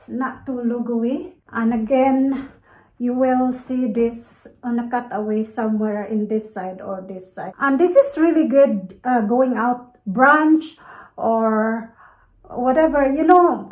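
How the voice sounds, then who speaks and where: A woman's voice: fairly high pitch, darkish tone. A Filipino woman with a Filipino accent and Tagalog as her first language, chatting casually to viewers as a vlogger in a roomy, echoey indoor space. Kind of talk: casual vlog chat to viewers.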